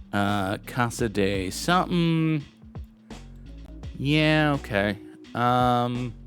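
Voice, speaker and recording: With a lowish, fairly bright voice, a young man hosting a gaming channel offers loose, wry commentary, often poking fun at himself. He's trying to guess the locations and time periods of old photos.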